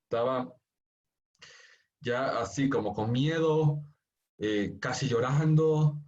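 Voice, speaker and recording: A man from Bolivia preaching as a pastor, turning from hushed, tender storytelling to emphatic pleading. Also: mid-range voice, slow pace, dull audio. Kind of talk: sermon.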